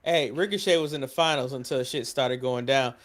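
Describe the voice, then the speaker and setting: An American man hosts a wrestling podcast, talking casually and bluntly, swearing and firing questions at others in opinionated sports chat. His voice sits at medium pitch, brisk and fairly bright.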